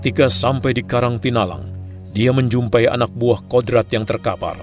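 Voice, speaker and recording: A man narrating an old-time radio drama in a measured, even storytelling voice. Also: medium pitch. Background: music.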